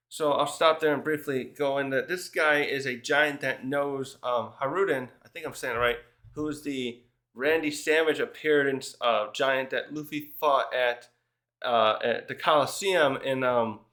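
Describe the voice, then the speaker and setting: A man's voice: medium pitch, a bit bright. A man casually recapping a manga chapter, rambling with restarts and fillers as he reads out what the characters say. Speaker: manga reviewer.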